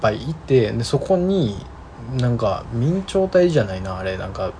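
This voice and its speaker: A man speaking with a Kansai accent, chatting casually as a podcast co-host and telling a story with quick asides. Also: mid-range voice, sing-song, mellow, a little hiss or hum. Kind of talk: casual chat.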